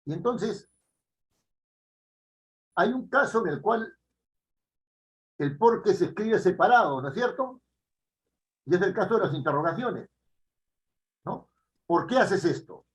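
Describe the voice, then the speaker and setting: A man with a Peruvian Spanish accent teaches grammar, his voice sitting high and swinging widely in pitch. He leans on tag questions and drives points home with emphasis. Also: animated, measured pace, long pauses, a bit bright, poor audio. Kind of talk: online writing lesson.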